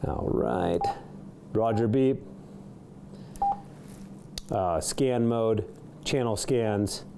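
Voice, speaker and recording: Speaking extremely slowly in a lowish, creaky voice, a product reviewer walks through a CB radio's features in an indoor studio. The demo is casual and unscripted, a little hesitant, with a noisy background.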